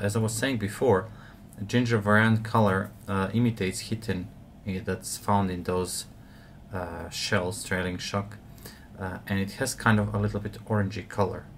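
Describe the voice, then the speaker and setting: Low-voiced man explaining fly tying. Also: a little hiss or hum. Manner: relaxed, explanatory, frequent uh fillers. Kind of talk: step-by-step tutorial narration.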